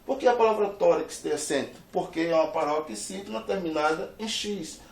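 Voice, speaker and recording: A man's voice: fairly high pitch, a little fast. A Brazilian man teaching a grammar lesson, stressing syllables hard and repeating each rule. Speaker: Portuguese teacher. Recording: echoey room, distant from the mic.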